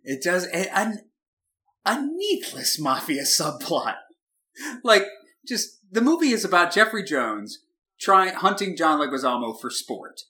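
Male co-host, casual film-chat, bright tense tone, laughs a lot. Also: sits high, big pitch swings, a little slow. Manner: chatty, laughs often, frequent restarts. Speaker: podcast co-host.

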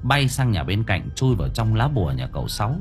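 A man's voice: on the low side, sing-song, brisk, faint music behind. A man narrating a ghost story as an audiobook, vivid and dramatic.

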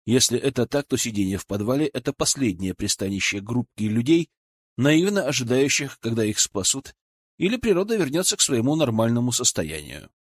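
A man narrating an audiobook with expressive, animated reading. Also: mid-range voice, brisk, husky, no room sound.

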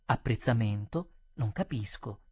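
A man reading aloud voices a sly young waiter who plays innocent in a low, mild tone. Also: normal speed, a little mellow, breathy edge, no echo, natural voice. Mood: feigned innocence.

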